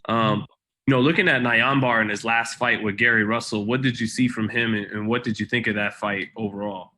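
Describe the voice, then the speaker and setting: A male reporter on a video press call with a lowish, bright and forceful voice. He asks his questions loosely and conversationally, circling back as he phrases them. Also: fairly even intonation, brisk.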